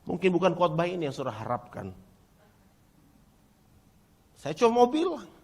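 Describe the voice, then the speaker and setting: A male pastor preaching a sermon, talking straight to the congregation and calling for their replies, swinging from near-shouts down to quiet, low passages. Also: huge pitch swings, normal speed, vocal fry, breathy edge. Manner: emphatic preaching, rising to near-shouts, then dropping quiet; addresses congregation directly, asks for replies.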